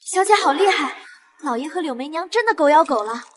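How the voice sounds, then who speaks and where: An actress playing a loyal, excitable young maidservant with an eager, earnest manner in a costume drama. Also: female voice, high voice, fairly quick, a little hiss or hum. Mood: admiring. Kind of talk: Chinese costume short-drama acting.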